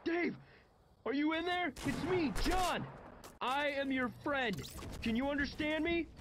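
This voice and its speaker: A man reading an audiobook and voicing a manic young man in a much higher, frantic voice, with background noise. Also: animated, fast. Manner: frantic, yelling. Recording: noisy background hiss.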